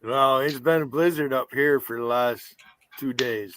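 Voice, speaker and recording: Speaking a little slowly in a medium-pitched, slightly bright voice, a livestream host in his fifties carries on a casual chat in a northern New York accent. He's blunt and rambling, swears freely, and the recording is dry.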